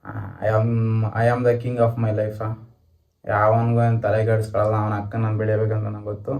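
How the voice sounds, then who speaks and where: A man's voice: on the low side, completely flat delivery, normal speed, a little mellow. A young man vlogger, repeating pleas and boasts as he argues with his partner on camera. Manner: pleading, repetitive, boastful. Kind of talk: couple prank vlog argument.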